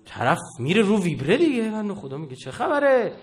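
A man giving a political lecture, impassioned and swinging from low mutters to loud outbursts, acting out quoted voices with humor. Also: very animated.

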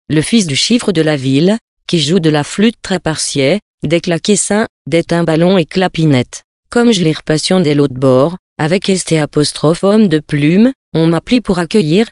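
A reader doing a hoarse rustic boatman. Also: medium pitch, darkish tone, no room sound, clean studio sound, close to an everyday voice. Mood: rambling. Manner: rustic, rambling, folksy. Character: hoarse rough river boatman telling a tale.

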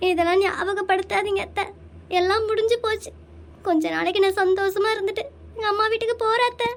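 A performer voicing a heartbroken young woman in a comic cartoon, speaking softly and quietly. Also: very high-pitched, fairly even intonation, fast, noisy background. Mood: sad. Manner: soft, subdued.

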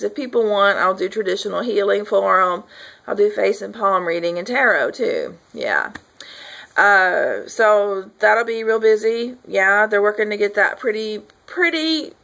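A woman's voice: mid-range voice, creaky, fairly bright tone, poor audio. A woman in her forties giving a casual, rambling video update from her living room, talking into a webcam with plenty of fillers. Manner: chatty, rambling, frequent fillers and affirming yeahs. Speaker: folk artist and healer. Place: living room at home, indoors. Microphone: webcam at desk distance.

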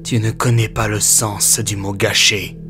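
A man voicing a bitter, brooding flayed monster who speaks with slow, nonchalant menace in a horror audiobook. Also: fairly low pitch, flat delivery, music in the background, close to an everyday voice. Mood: brooding, menacing.

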